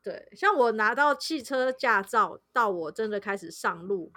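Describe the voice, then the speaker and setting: A woman's voice: fairly high pitch, animated, moderate pace, sharp tone, dry recording. A woman with a Taiwanese accent in casual chat, talking in an informal, plain-spoken way.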